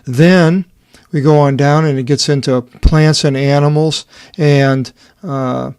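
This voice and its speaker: A man presenting the Bible edition he translated, talking through its pages off the cuff with many pauses and restarts. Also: fairly high pitch, steady tone, a little mellow, clear, resonant tone, no room sound, studio quality. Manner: halting, many fillers and restarts. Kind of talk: unscripted screen walkthrough.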